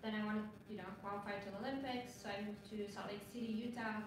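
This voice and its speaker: A woman from Lebanon, a marathon runner on a panel, talking casually and haltingly with lots of fillers. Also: medium pitch, fairly even intonation. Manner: chatty, halting, many fillers. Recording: echoey, distant mic, noisy ambience.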